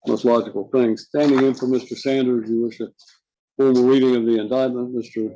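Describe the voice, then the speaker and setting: A man speaking as a judge in formal court proceedings, measured and procedural, with occasional hesitation. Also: medium pitch, flat delivery, warm tone, dull audio. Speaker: judge presiding over a court docket. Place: indoor courtroom.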